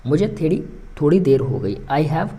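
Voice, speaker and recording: A man gives a relaxed, patient language lesson. His voice sits low and mellow. He drags each English phrase out slowly and repeats it before translating. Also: husky. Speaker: English teacher.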